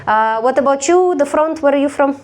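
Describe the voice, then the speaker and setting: Eine Komikerin, die auf einer Live-Bühne stumpf und neckend mit dem Publikum spricht und oft lacht. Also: female voice, sits high, expressive, a little fast. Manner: blunt, teasing, laughs often. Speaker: stand-up comedian. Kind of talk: stand-up crowd work. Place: live comedy stage.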